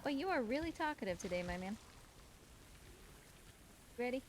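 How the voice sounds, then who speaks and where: A livestream host and speedrunner plays a video game while giving casual, chatty, explanatory commentary, talking both to the game creature and to her viewers. Her voice is a little high and very animated, at a moderate pace. The recording is clearly noisy, with game sound behind her.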